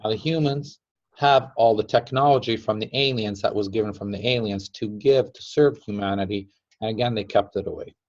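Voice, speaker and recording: A man casually explaining a story in slow, emphatic phrases that trail off softly. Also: fairly low pitch, highs cut off.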